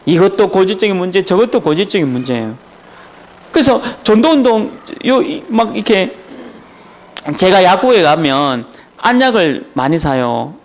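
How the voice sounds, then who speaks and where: A man's voice: high-pitched, lively intonation, moderate pace. A man pastor from Daegu with a Gyeongsang accent, preaching a sermon at a church training session in a joking, storytelling way with chuckles. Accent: Daegu Gyeongsang dialect. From Daegu, South Korea.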